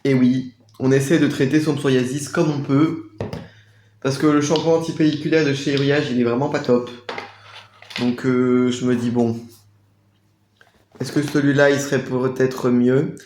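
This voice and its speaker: A man reviews products from a shopping haul in a loose, chatty way. He hesitates often and slows down to spell out foreign label text. His voice sits at a middle pitch and bounces around an echoey room. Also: fairly even intonation, darkish tone, slight background noise. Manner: chatty, hesitant with many "euh", sounds out German labels slowly.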